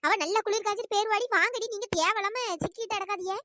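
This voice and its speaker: Shrill, sly cartoon village troublemaker, fast-paced, woman voice actor. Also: pushed and bright. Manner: scolding, sly and gossipy. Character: meddling village woman stirring up fights. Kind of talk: cartoon voice acting.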